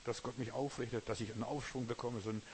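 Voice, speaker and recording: A man's voice: mid-range voice, steady tone, quick pace, darkish tone, slight background noise. A man preaching a sermon. He speaks straight to the listener and builds his points from repeated, parallel phrases.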